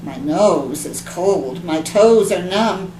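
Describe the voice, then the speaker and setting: A woman's voice: on the low side, animated, takes it slowly. A woman voicing a little girl who dramatically lists made-up illnesses in a whining voice. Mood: whiny. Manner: dramatic complaining, sometimes near whisper. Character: whiny little girl faking sickness. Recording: echoey room with background hum.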